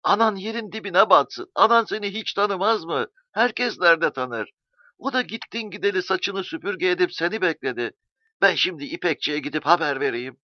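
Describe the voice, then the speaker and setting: Man voicing an older village mother, high and excited. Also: brisk, no room sound, natural voice. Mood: overjoyed. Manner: excited, pleading, crying out. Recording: dull dry recording.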